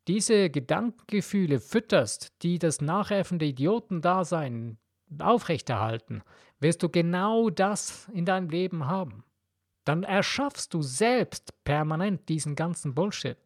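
A man's voice: fairly high pitch, sing-song, measured pace, no room sound, studio quality. Blunt, preachy male podcast host. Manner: blunt, preachy, addresses the listener directly. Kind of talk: motivational monologue.

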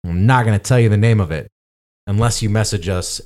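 A podcast co-host rambles through a travel story in casual chat, using lots of fillers. His voice is lowish, brisk and a little mellow.

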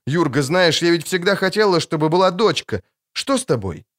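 Male narrator as an anxious village wife: raised pitch, pleading, emotional. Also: big pitch swings, moderate pace, a bit bright. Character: anxious loving middle-aged village wife.

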